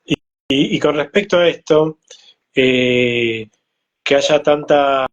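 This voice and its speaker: Rioplatense interviewer with hesitant questions. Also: male voice, medium pitch, slow, muffled recording. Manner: hesitant, with frequent fillers.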